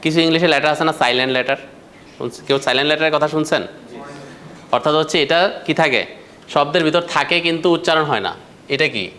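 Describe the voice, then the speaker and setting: A man's voice: a little high, a little fast, sharp tone, slight background noise. A man teaching a grammar class, explaining step by step and asking the students questions. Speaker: English teacher.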